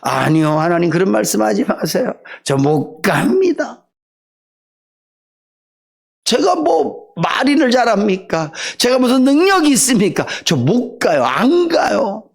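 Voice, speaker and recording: A man voicing a weary, discouraged older Moses who has given up his dreams, speaking low and resigned. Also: very animated, measured pace, vocal fry, heavily acted. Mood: reluctant.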